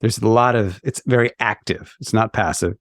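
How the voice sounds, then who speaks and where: Podcast host guy, lowish voice, explaining things clearly, dry close mic. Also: normal speed, a bit bright, no room sound. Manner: explanatory, summarizing the guest's point. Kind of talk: conversational interviewing.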